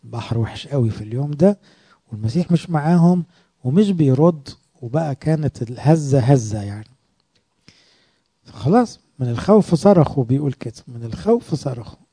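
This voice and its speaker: A man with an Egyptian Arabic accent preaching a sermon in a lively, conversational way, often asking his listeners questions. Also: mid-range voice, a little fast, slightly rough, dry recording.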